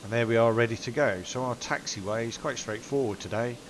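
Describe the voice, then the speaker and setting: A man with a stuffy nose from a cold talks a little fast at medium pitch, methodically explaining every cockpit setting in a step-by-step flight simulator walkthrough. The recording is rough, with simulator engine and cabin hum behind him.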